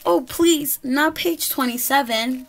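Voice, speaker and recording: A woman's voice: sits high, moderate pace, lightly acted. A woman voicing a small, wrongly accused pig, pleading dramatically as she reads a storybook to a toddler.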